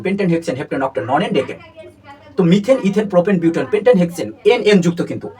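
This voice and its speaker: Male chemistry tutor, rapid classroom delivery, repeats terms drill-style, slightly distant mic. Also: a little high, darkish tone. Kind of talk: classroom lecture. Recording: distant mic with faint background noise.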